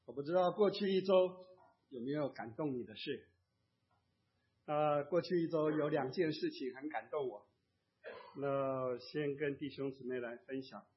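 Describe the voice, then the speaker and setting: Man, pastor, high voice, gentle storytelling sermon, acts out quotes, dull lo-fi recording. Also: moderate pace. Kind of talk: sermon sharing a testimony. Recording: dull lo-fi sound.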